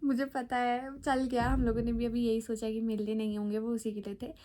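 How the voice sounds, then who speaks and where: A woman's voice: a little high, flat delivery, fairly quick, dark tone, slight background noise. Chatty young woman telling a story. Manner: chatty, dramatic retelling with fillers. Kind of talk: casual storytelling.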